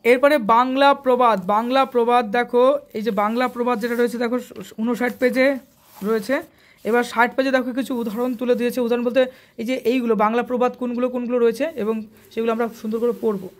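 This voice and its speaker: A man runs an exam revision lesson as an online tutor. He talks at a quick pace, listing page numbers and questions in a brisk, instructive way. He keeps coaxing the students directly. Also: very high-pitched, flat delivery.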